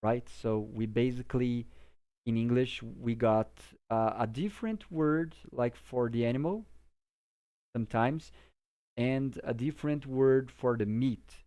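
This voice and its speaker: A Brazilian English teacher, a native Portuguese speaker, gives an informal vocabulary lesson with simple explanations, frequently checking that the listener is following. His medium-pitched voice has a dark tone and moves a little slowly.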